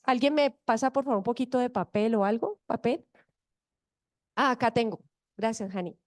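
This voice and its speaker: A high-voiced woman pastor preaches to her church, retelling a story and giving its people their own voices. The sound is close and dry. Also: a little mellow, no room sound. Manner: asks the congregation to repeat after her. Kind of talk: sermon.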